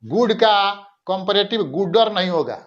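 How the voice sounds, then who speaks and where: Slow, high-voiced grammar teacher. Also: male voice, expressive, highs cut off. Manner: slow, repeats words to drill them. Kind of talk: grammar lesson with whiteboard explanation.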